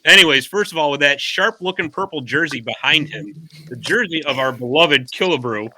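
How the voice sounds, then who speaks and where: A man's voice: fairly high pitch, lively intonation, a little fast, bright, forceful tone, a little hiss or hum. A man hosting a casual hockey podcast, jokey and chatty, recording remotely. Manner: jokey, chatty, laughs often. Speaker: podcast host. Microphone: remote call setup.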